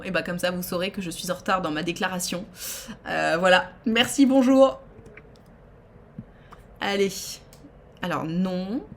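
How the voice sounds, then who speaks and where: A woman giving chatty, playful commentary while she streams a life-simulation game. She swings from excited squeals to low muttered asides. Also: slight background noise. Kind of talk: casual live game commentary.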